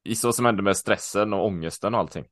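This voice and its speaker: A man speaking in a fairly low voice, chatting casually on a podcast. He talks loosely, with restarts and plenty of swearing, and gets lively when he tells a story. The recording is dry and close, with no room sound. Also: no room sound. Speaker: podcast co-host, coach.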